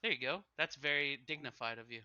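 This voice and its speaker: A man's voice: mid-range voice, quick pace, sharp tone, clear, resonant tone, no echo, muffled recording. A man co-hosting a casual podcast chat, joking and teasing playfully. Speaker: podcast co-host.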